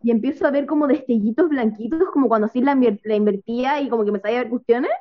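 Young Chilean woman, rambling chatty storyteller, rather high voice. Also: rapid-fire. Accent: Chilean Spanish. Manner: rambling, filler-heavy storytelling. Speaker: storyteller guest. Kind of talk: casual chat. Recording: dull lo-fi dry sound.

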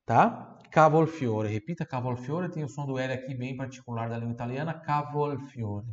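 A man teaching Italian vocabulary, saying each word slowly and asking the listener to repeat it, then explaining quickly in between. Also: mid-range voice, a little mellow, dull audio. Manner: slow, drawn-out model words, quick asides. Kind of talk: language lesson with drills.

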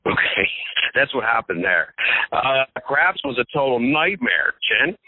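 A man's voice: medium pitch, big pitch swings, measured pace, slightly rough, no echo. Rambling man on a tinny phone line. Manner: rambling, joking, stammering. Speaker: regular co-host calling in. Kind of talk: casual podcast chat. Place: Las Vegas hotel.

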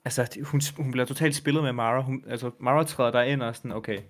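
A male podcast co-host talks casually at a middle pitch. He reads story passages aloud in a steady voice, then breaks into loose chat with fillers and the occasional swear word. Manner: reads quotes flatly, chats with fillers and swearing. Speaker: podcast co-host reading game lore aloud. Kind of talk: casual chat and lore reading.

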